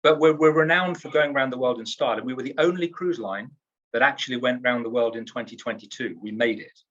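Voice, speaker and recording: In a trade interview, a British cruise executive promotes his company with upbeat sales energy, frequently restarting what he says. He talks fast in a medium-pitched, fairly bright voice, and the recording has its highs cut off.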